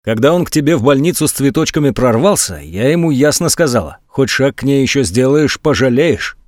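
A man's voice: mid-range voice, animated, fairly quick, darkish tone, no echo, clean studio sound, lightly acted. A man reading an audiobook, voicing a cold, blunt young woman who scolds her friend. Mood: scolding.

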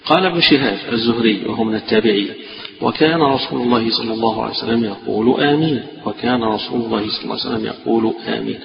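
A man with an Egyptian accent teaching a mosque lesson, scolding his students and tripping over quick restarts. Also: gravelly. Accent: Egyptian Arabic. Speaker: sheikh teaching a classical fiqh text. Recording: echoey mosque hall, dull low-fi recording with background hiss.

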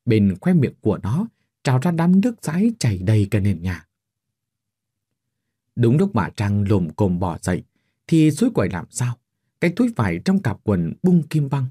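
A man narrating a dramatic story in an expressive reading style. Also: medium pitch, moderate pace, husky.

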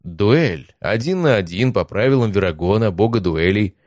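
A male narrator reads a calm, resolute young swordsman, firm and clear. His low voice stays level and composed. The recording is dry and close. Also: moderate pace, no echo, lightly acted.

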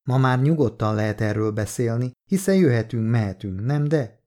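A man's voice: mid-range voice, dark tone, close to an everyday voice. A man reading the part of a talkative older woman who rambles and gossips freely, in an audiobook. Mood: chatty. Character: chatty older woman, a mother, boastful then wary.

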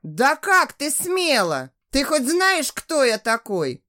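A woman voicing an arrogant, sleazy rich male client in an audiobook, talking loud, slow and indignant. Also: on the high side, very animated. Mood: outraged.

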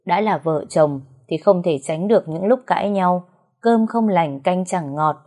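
A woman voicing a stern aging father who lectures his grown daughter in a firm, slow, measured way. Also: fairly low pitch, a little mellow. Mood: scolding.

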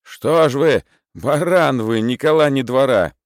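A man's voice: mid-range voice, a little slow, dry recording, clean studio sound, voice pushed up, natural voice. A man voicing a furious, indignant lodger in a storybook reading, hurling scornful questions. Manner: shouting, scornful, hectoring questions.

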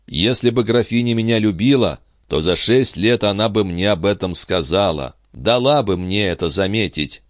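A man voicing an earnest, stunned nobleman in an audiobook, in a low, measured tone. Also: expressive, no room sound, clean studio sound, close to an everyday voice. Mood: bewildered.

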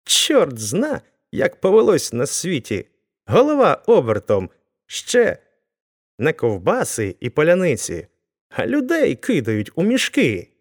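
A man voicing a frightened village weaver who shouts in a raised, panicky voice. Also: a little high, wildly swooping pitch, takes it slowly, pitched above the performer's own voice, heavily acted. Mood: panicked. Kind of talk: audiobook character voice.

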